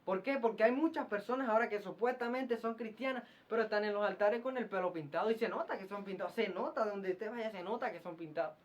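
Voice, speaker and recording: High-voiced man preaching a scolding sermon. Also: quick pace, few pauses. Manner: scolding, keeps firing rhetorical questions with a tag "¿Ah?"; repeats phrases and stumbles into restarts. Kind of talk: fiery sermon. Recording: muffled lo-fi recording.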